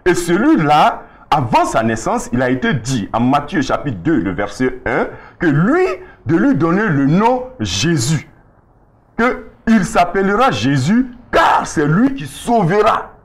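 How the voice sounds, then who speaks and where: A male preacher teaching a Bible lesson, explaining slowly and often checking that his listeners follow. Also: on the high side, big pitch swings.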